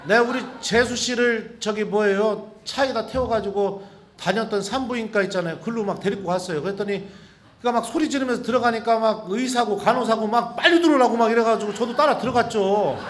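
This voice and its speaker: Middle-aged male priest, high-pitched, animated retreat lecturer who chuckles through his stories, faint ambient hum. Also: a little fast. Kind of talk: retreat lecture, personal storytelling. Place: retreat talk before a group.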